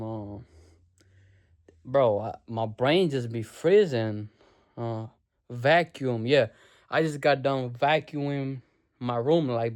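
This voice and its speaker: A young man from Nepal talks straight to the camera from his bedroom, loose and slangy, swearing freely as he drives home a motivational point. His voice sits at an ordinary middle pitch for a man, and he speaks in easy casual bursts. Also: darkish tone. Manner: slangy, swears, calls viewers bro. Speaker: vlogger.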